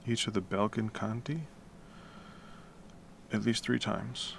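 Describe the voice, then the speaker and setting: Slow and creaky, the deep baritone of this music composition streamer drifts through relaxed late-night chatter as he works. He rambles, swears casually and speaks quietly to keep the noise down at home. Typing and other background noise come through noticeably.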